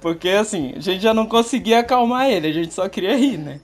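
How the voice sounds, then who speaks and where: Animated podcast co-host telling a story. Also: mid-range voice, a little fast. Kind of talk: casual storytelling chat.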